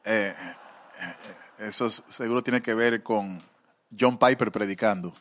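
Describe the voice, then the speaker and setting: A man's voice: fairly low pitch, a bit bright. Fervent male preacher. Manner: fervent, rising to emotional pleas; halting, frequent fillers. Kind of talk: sermon.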